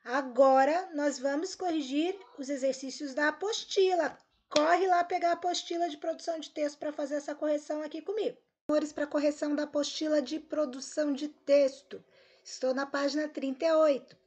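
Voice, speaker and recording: A woman's voice: high voice, fairly quick. A woman teacher with a Brazilian Portuguese accent, going over homework answers with her pupils in an upbeat recorded lesson. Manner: upbeat, lively, talks straight to pupils.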